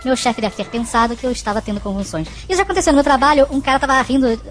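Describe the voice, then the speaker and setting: A man voicing a cheeky cartoon chipmunk with a sped-up, high-pitched voice and a mocking, dismissive manner. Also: racing, a bit bright, faint music behind. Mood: sarcastic.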